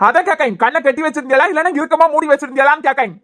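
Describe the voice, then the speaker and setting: Her voice pushed up, high and fairly bright, a woman races through the lines of a cartoon serial character: a cunning, sarcastic young man with a Kanyakumari Tamil accent. He slyly pries into family matters with mocking questions.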